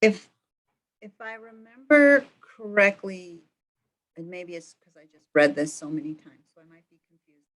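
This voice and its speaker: A woman's voice: fairly low pitch, sing-song, normal speed. Woman on a video call, audio cutting out. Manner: hesitant, restarts phrases. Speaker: committee member. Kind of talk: remote meeting discussion. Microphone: computer or camera mic on a video call.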